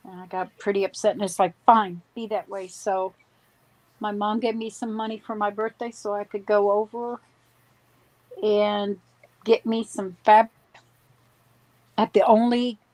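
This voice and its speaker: A woman's voice: medium pitch, unhurried, pauses often, darkish tone, no echo. A woman in her sixties from Wisconsin chatting on a live stream while she crafts, rambling and correcting herself as she goes. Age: 60s. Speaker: livestream crafter. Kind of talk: casual chat.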